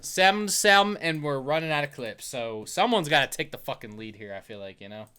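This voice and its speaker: Animated, bright-voiced streamer guy. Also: on the high side, normal speed, clean tone. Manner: excitable, joking, animated. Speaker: co-host. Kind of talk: livestream banter.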